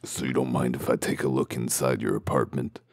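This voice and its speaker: A man playing a gruff, world-weary wolf detective in a comic dub, with gravelly voice and dry, sardonic, interrogating delivery. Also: rumbling low, fairly even intonation, fairly quick, no room sound. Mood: sardonic, stern.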